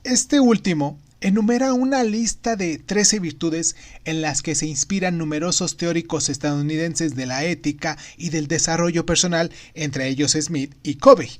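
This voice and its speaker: Guy podcast host w a kinda high voice, reading out a book summary, punches certain phrases. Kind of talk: semi-scripted narration of a book summary.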